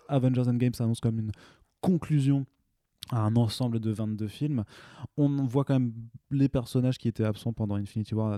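A man in his thirties co-hosts a podcast, his voice fairly low and mellow, recorded with studio quality and no echo. The conversation is a casual, rambling chat packed with fillers and restarts.

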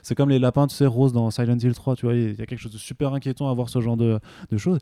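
A man co-hosting a casual podcast, rattling along at a fast pace and tripping over his own words as he gets excited. His voice is dark and mellow, and it sounds dry and close. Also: medium pitch, no room sound. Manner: excited, stumbles and repeats words. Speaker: podcast co-host. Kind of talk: casual chat about a series.

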